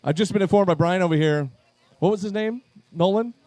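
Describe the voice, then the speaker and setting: A man's voice: high voice, brisk, darkish tone, dry recording. A man emceeing a live charity event at a pub, upbeat as he calls names to chairs on a handheld microphone.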